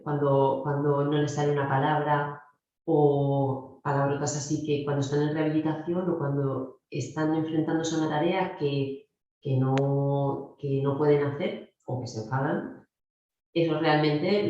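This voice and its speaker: Low mellow-voiced Spanish woman lecturing. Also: steady tone, measured pace. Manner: explanatory, addresses students directly. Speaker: speech therapy lecturer. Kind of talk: recorded clinical lecture. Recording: very echoey, dull lo-fi room sound.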